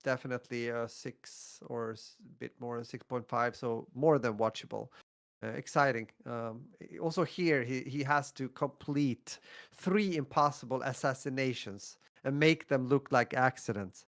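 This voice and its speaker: Man, French accent, gravelly voice, hesitant casual podcast chat, repeats his words. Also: mid-range voice, measured pace. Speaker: podcast co-host. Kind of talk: casual chat about films.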